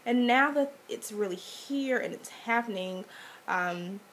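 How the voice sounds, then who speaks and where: A woman's voice: on the high side, measured pace, fairly bright tone. Congested young woman vlogger with stuffy nose. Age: young adult. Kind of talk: casual advice vlog to camera. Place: small indoor room. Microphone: webcam or laptop mic at arm's length. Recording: webcam audio with faint background noise.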